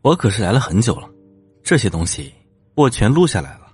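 A man voicing a cocky young male police officer who talks smugly and teasingly, with a husky voice. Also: on the low side, very animated, a little fast, a little mellow, no echo, faint music behind, exaggerated voice. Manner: smug, teasing, with scoffs. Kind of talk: audio drama acting.

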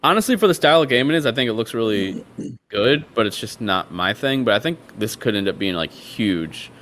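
A man's voice: on the low side, expressive, brisk, fairly bright tone, a little hiss or hum. Man hosting a casual game podcast. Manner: upbeat, teasing, lists topics. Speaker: podcast host. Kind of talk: casual panel chat.

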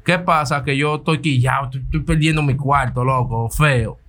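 A man's voice: medium pitch, moderate pace, fairly bright tone. A man, a podcast guest telling a story in casual chat, laughing through it.

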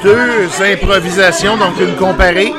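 Man, casual commentator, hesitant, high pitch, noisy crowd. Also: steady tone, a little slow. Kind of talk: live match commentary. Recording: loud audience and music.

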